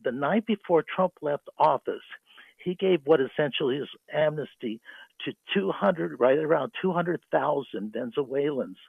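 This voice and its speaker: Gravelly man calling in by phone. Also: a little high, lively intonation, dry recording. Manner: halting, many fillers and restarts. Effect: phone-line caller on a radio show. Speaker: caller. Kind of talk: rambling call-in commentary. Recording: tinny phone line.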